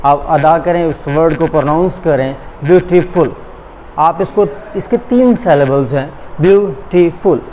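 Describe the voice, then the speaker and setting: A man with a Pakistani accent teaching English in a recorded online lecture, shifting between slow, deliberate English and quicker Urdu explanations. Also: on the high side, a little mellow, slight background noise, poor audio. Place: school classroom or studio.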